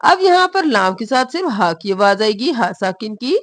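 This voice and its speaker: بلند آواز والی خاتون معلمہ، سست تلاوت. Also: female voice, fairly high pitch, sing-song, no echo. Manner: draws out recited words slowly, explains in quick short phrases. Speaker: Quran tajweed teacher. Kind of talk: slow recitation and explanation lesson.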